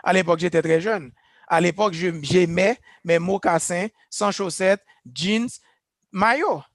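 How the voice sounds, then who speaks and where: Man, church leader, earnest testimony, high voice, dry sound. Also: a little slow, dry recording. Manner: earnest, reflective, personal testimony. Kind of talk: speaking on leadership. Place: church gathering.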